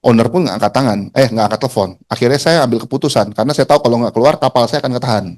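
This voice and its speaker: A man's voice: mid-range voice, very fast. A man giving a talk to an audience, telling a personal story in casual slang and acting out the other people in it. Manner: colloquial Jakarta slang, animated, mimics voices. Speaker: motivational speaker.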